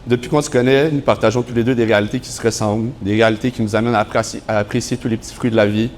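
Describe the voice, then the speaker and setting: Fast-talking young Quebec groom reading vows. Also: male voice, fairly low pitch, fairly even intonation, darkish tone, a little hiss or hum. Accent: Quebec French. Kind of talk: prepared wedding vows speech. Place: wedding ceremony.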